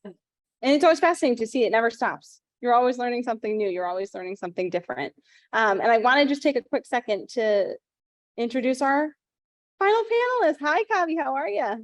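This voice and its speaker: A woman moderates a panel, putting questions to the guests in a brisk way. Her voice sits fairly high and sounds dry and close, with little room around it. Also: expressive, dry recording.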